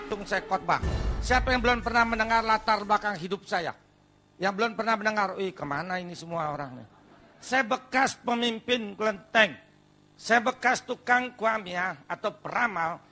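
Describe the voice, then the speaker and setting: An older man giving a testimony sermon, telling his story with lively acted-out outbursts. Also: high voice, moderate pace. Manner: animated storytelling, acts out his past self with sudden loud outbursts.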